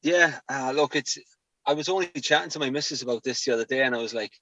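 A man's voice: medium pitch, quick pace, pushed and bright, no room sound. A man in his forties with a west of Ireland accent, chatting casually and colloquially as a podcast guest. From Galway, Ireland. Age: 40s. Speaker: podcast guest, former professional footballer and coach. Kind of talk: casual chat.

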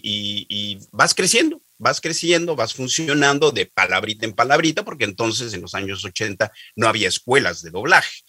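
A middle-aged man, a voice actor telling stories about his career as an interview guest, lively and repeating words as he thinks. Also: on the low side, husky, no room sound. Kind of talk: interview storytelling.

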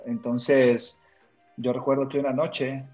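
A young Honduran man with a Honduran accent tells his personal story in a radio interview. He speaks at a middle pitch, pausing often with fillers and tag questions. The recording is a little dull, with faint music behind him. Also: flat delivery, a little mellow. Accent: Honduran Spanish. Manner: hesitant, with frequent fillers and a habitual tag question. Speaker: missionary guest.

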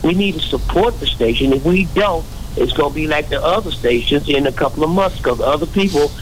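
A man's voice: a little high, animated, a little fast, slight background noise, rough recording. An older man calling in to a radio show by phone, talking in an earnest, rambling, preachy way. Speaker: caller. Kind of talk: casual radio call-in. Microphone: phone call.

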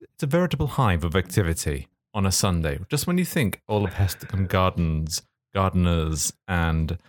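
A male podcast co-host telling a comic story in casual banter, mock-pedantic and halting as he builds his points. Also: sits low, lively intonation, slight background noise.

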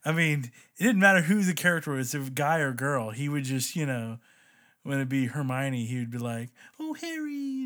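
A man in a casual podcast chat, animated and chatty, filling his talk with "like". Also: medium pitch.

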